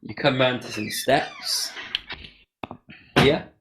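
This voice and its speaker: A man narrating a tabletop game as game master, in a halting, conversational way. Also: mid-range voice, huge pitch swings, fairly bright tone, slight background noise.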